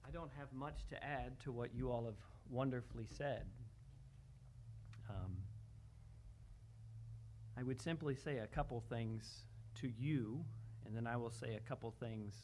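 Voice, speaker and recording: Man, pastor, memorial address, measured, gentle humor, church. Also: mid-range voice, slight background noise. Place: church sanctuary.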